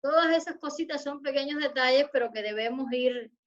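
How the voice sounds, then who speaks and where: High-voiced woman giving an online lecture. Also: highs cut off. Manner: measured, explanatory, addresses students formally. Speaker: university lecturer. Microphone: video call.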